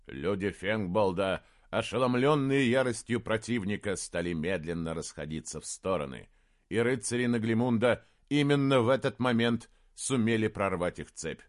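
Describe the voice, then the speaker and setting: A man narrating a fantasy audiobook in a steady, even reading voice. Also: lowish voice, moderate pace. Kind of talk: scripted narration.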